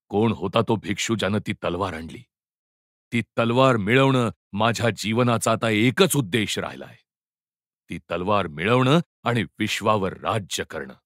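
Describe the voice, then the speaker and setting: A man's voice: on the low side, fairly bright tone, no room sound, studio quality. A man voicing a ruthless, commanding Hun king who barks scornful orders in a storybook reading.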